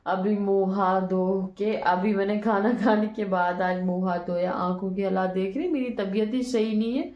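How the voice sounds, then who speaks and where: Hoarse, weary woman vlogging from home. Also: mid-range voice, fairly even intonation, normal speed, few pauses, roomy sound, dull audio. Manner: weary, sleepy, rambling. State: hoarse from cold and fever. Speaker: vlogger and street cart vendor. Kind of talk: casual vlog talk to camera. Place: small room at home, indoors. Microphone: phone held by hand.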